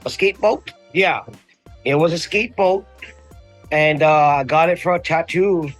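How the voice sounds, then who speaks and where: A custom painter and tattoo artist from Hawaii tells his story as a guest in a casual interview, his voice a little high and his pace moderate. He's laid-back and slangy, full of fillers, drifting from one point to the next with faint music behind him.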